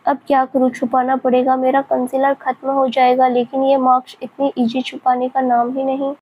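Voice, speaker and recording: A woman reading the lines of a shy, affectionate young woman in love, softly and quietly. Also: high voice, completely flat delivery, normal speed, breathy edge, muffled recording. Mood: tender.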